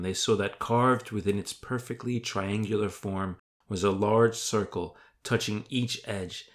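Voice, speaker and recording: A man narrating an audio fantasy serial in a dramatic storytelling voice. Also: on the low side. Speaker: writer and narrator. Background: music.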